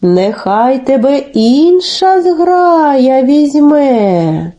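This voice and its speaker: Woman doing slow, aloof wild geese. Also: sits high, sing-song, mellow, highs cut off, full character voice. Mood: dismissive. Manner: slow, drawn-out, dismissive.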